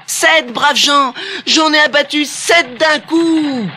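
A man voicing a small, cunning male tailor who boasts in shrill, high exclamations in a storybook cassette. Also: sing-song, normal speed, background noise. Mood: boastful.

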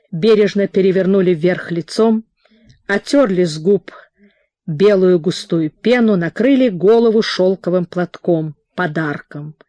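A woman narrating a storybook in a measured, dramatic reading. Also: fairly low pitch, warm tone, no echo, studio quality. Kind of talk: audiobook reading.

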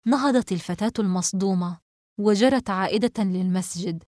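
A woman's voice: mid-range voice, brisk, a little mellow, dry recording. Woman narrating a novel, dry recording. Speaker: audiobook narrator.

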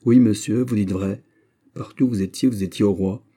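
A man voicing a proud young king in an audiobook, speaking in a lofty, commanding way, higher than his narration. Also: steady tone, fairly quick, mellow, lightly acted. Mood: gracious. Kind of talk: audiobook character voice.

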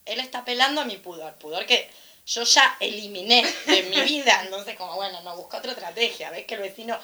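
A young adult woman from Argentina with a Rioplatense accent, talking casually on a panel, animated and irreverent, acting out the voices she quotes. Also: mid-range voice, a little fast, a crowd in the background. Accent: Rioplatense Spanish. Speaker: panel speaker. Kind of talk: casual storytelling commentary at a panel.

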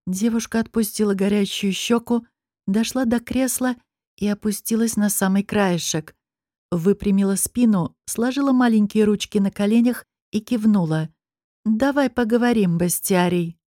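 A woman's voice: mid-range voice, moderate pace, warm tone, dry recording, clean studio sound. Woman narrating a fantasy audiobook. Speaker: audiobook reader.

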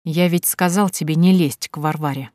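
A woman's voice: low-pitched, moderate pace, darkish tone, no room sound, studio quality, natural voice. A woman voicing a jealous, curt male director. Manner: curt, through clenched teeth.

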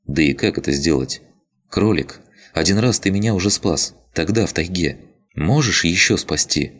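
A man's voice: deep voice, expressive, normal speed, voice pushed up. A man voicing a tired young woman who sounds resigned and wryly sad. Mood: weary. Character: weary young woman awaiting her fate.

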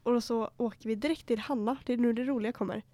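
A woman's voice: a little high, steady tone, dark tone. A young woman co-hosting a podcast, chatting casually and laughing as she retells what happened. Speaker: podcast host. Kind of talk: casual chat.

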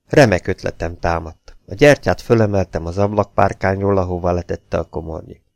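A man narrates a classic novel in a measured, steady manner. His voice is low and gravelly, recorded dry and close with no room sound. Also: no echo. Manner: calm, measured first-person telling. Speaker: audiobook narrator. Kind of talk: scripted narration.

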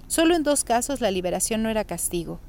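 Calm woman reading a novel aloud. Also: on the high side, quick pace. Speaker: reader.

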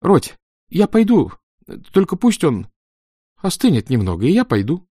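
A man voicing a chubby, timid teenage schoolboy who pleads in a high, whiny voice. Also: huge pitch swings, unhurried, warm tone, husky, dry recording, studio quality, heavily acted. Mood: pleading. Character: squealing chubby teen boy makeup artist, timid.

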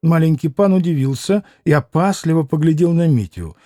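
A man narrating an audiobook in an unhurried way, voicing each character in turn. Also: a little high, mellow, no echo, studio quality. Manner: unhurried, voices every character. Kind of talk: scripted narration, audiobook reading.

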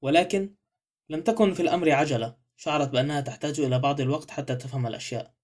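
Guy reading a mystery novel aloud, quick and steady, slightly high voice. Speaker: narrator. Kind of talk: scripted audiobook narration.

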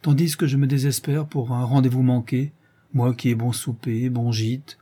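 A man reading aloud and voicing an earnest, lovesick young gentleman who speaks with passion. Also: mid-range voice, level tone, normal speed, husky, lightly acted. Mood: musing.

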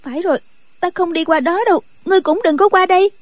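A man's voice: extremely high pitch, a little fast, a little mellow, dry recording, pitched above the performer's own voice. Man doing a timid, trembling young nun. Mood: frightened. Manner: trembling, hesitant, pleading.

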